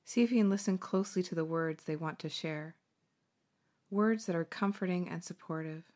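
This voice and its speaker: A woman hosting a guided meditation, speaking slowly and soothingly with gentle pauses. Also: lowish voice.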